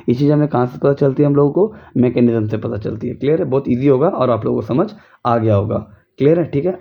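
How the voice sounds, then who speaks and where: Young male tutor, casual home chemistry lesson, self-quizzing delivery, dull lo-fi sound. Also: medium pitch. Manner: repetitive, drills students with rhetorical questions.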